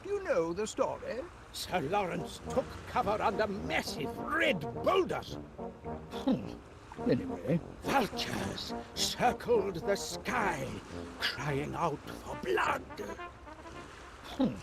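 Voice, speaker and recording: A pompous old English army major for a video game. He blusters theatrically, breaking into yells, with a slow, swooping delivery and a gravelly edge. Music plays behind him. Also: high-pitched, huge pitch swings, exaggerated voice. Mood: blustery, theatrical. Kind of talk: video game character acting.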